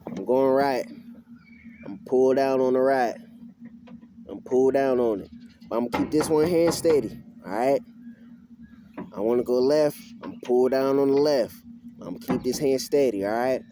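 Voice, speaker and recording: A man's voice: mid-range voice, dark tone. A man giving a casual hands-on tutorial as an instructor, in folksy, colloquial country phrasing, patiently repeating each instruction step by step. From rural area. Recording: clear background noise, outdoor ambience.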